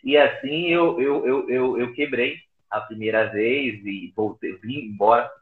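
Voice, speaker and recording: A man speaks over an internet call, his voice thin and boxy like a phone line, with a hollow echo around it. He is an interview guest telling his story casually, halting and often repeating words at a middling pitch. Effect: heard over an internet call line. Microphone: remote call device. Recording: tinny echoey call audio.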